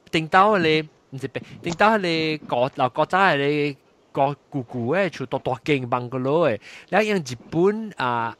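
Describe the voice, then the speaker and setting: Man, host, casual storytelling, animated, laughing, fairly high voice. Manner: animated, laughs often, mixes in English words.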